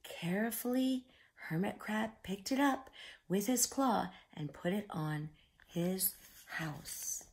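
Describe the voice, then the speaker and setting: Lady doing kids storytime, really slow n sing-song up and down, bit of creak, explains stuff simply. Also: medium pitch, animated. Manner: explains simply, with drawn-out emphasis. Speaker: children's story reader and teacher. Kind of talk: expressive read-aloud storytelling for young children.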